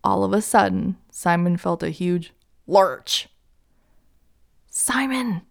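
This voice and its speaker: A woman narrating a children's story gently and asking the young listener questions. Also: fairly low pitch, level tone, normal speed, creaky.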